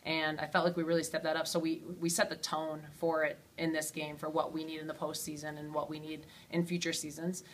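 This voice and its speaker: A woman head coach answering postgame questions in a steady way, with frequent ums and you-knows. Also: deep voice, a little fast, few pauses, slight background noise. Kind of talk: postgame interview.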